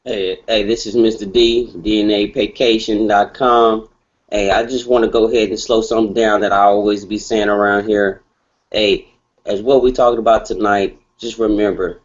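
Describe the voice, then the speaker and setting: Casual male motivator, low voice, muffled call. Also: darkish tone. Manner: casual, colloquial, with frequent "okay?" check-ins. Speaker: speaker on a group call. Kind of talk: motivational talk. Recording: muffled conference call line.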